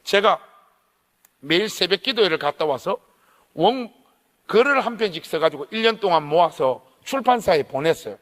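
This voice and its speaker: A man preaching at a revival service who tells a story with a fairly high voice and lots of feeling. He acts out what people said as he goes. His voice rings through a church hall with a long reverb tail. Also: expressive, moderate pace, fairly bright tone. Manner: emotional, vivid storytelling with acted quotes. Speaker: pastor. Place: church sanctuary.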